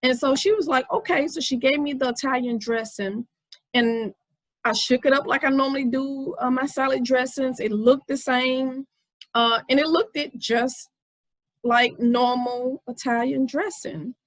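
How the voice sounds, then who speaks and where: A woman's voice: sits high, steady tone, measured pace, no room sound, low-quality recording. A woman in her forties hosting her own podcast, telling a story in a casual, conversational way with many fillers. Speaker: podcast host. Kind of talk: casual inspirational talk.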